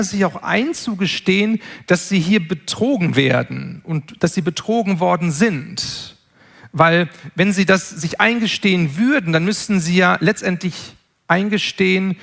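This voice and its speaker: High-voiced, gravelly man lecturing earnestly. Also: a bit bright. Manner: measured, earnest, with frequent word repetitions. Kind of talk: spoken lecture.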